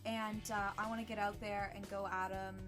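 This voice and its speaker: A woman's voice: mid-range voice, flat delivery, moderate pace, over music. A woman playing a tabletop game, casually describing what her character does.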